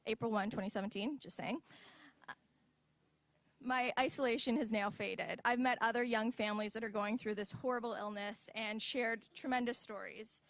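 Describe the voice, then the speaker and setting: A woman's voice: fairly high pitch, moderate pace, fairly bright tone, dry recording. Woman, 20s. Earnest personal speech with light humor, dry close-miked sound. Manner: earnest, heartfelt, with light asides. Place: university event hall.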